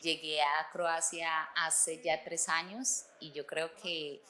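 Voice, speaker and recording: A woman's voice: low-pitched, flat delivery, takes it slowly, sharp tone. A woman in her twenties with a Colombian accent, talking expressively in a documentary interview. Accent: Colombian Spanish. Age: 20s. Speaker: football fan and dance teacher.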